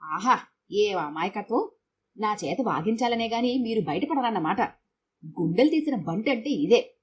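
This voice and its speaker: Woman doing a scolding, sharp-tongued housewife. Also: on the high side, lively intonation, normal speed, slight background noise, lightly acted. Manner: scolding, curt.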